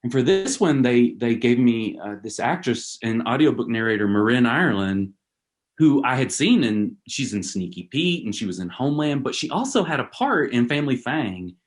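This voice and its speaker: A man's voice: medium pitch, sing-song, normal speed. A male author in a casual conversation, talking in a rambling way full of fillers over a video call. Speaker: author and guest.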